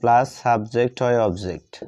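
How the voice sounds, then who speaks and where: Here a man dictates a grammar lesson word by word, repeating himself and writing out examples as he goes step by step. He speaks at normal speed in a mellow, medium-pitched voice, captured with dull lo-fi sound quality.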